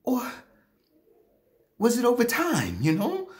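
A man in his fifties playing an anguished husband in a failing marriage, in a hammy, theatrical stage monologue with emphatic delivery and drawn-out pauses. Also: very high voice, wildly swooping pitch, heavily acted. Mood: searching, wounded. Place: small plain room indoors.

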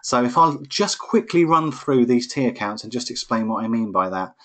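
A man's voice: mid-range voice, animated, moderate pace, fairly bright tone. Patient man teaching accounting. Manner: patient, explains step by step. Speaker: accounting tutor. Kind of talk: live online lesson. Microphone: computer microphone on a webinar.

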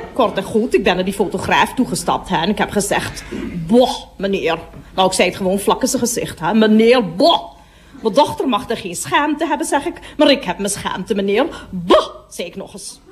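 A woman's voice: medium pitch, a little hiss or hum, lightly acted. An actress playing a gossipy middle-aged woman toilet attendant in a radio comedy monologue, chattering on and breaking off to speak to customers.

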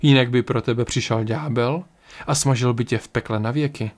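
A man voicing a zealous, fanatical medieval priest who preaches loudly and condemns. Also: medium pitch, natural voice. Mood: coaxing.

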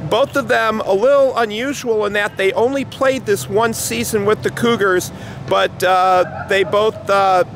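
A man's voice: high voice, fairly bright tone, slight background noise. A man interviewing a tennis coach after a match, asking questions with frequent hesitations, recorded outdoors off camera. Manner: hesitant, many uhs. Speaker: sports interviewer. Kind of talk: postgame interview.

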